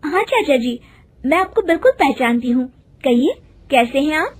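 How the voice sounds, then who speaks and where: A woman's voice: sits high, expressive, normal speed, pitched above the performer's own voice. A woman voicing a polite, hesitant young daughter-in-law in a storybook.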